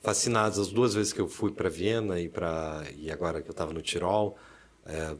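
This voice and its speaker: A man with a fairly low voice and a Curitiba accent from southern Brazil, talking as a podcast guest. He chats casually and tells stories with energy, switching into little acted voices when he quotes people. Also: normal speed. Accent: Curitiba Brazilian Portuguese. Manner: animated storyteller, acts out quoted speech. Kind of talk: casual interview chat.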